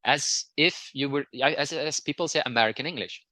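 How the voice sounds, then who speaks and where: A man with a Flemish accent and a bright, forceful voice talks in a casual, explanatory way. He is a native Dutch speaker who often hesitates and repeats words as he goes. The recording is dry and close. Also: mid-range voice, a little fast, dry recording. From Belgium, near the Dutch border. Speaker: interview guest.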